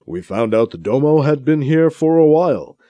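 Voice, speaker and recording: A man voicing a calm male scientist who explains things in a measured, storytelling way, in an audiobook. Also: on the high side, dry recording, lo-fi sound, pitched above the performer's own voice. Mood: explaining.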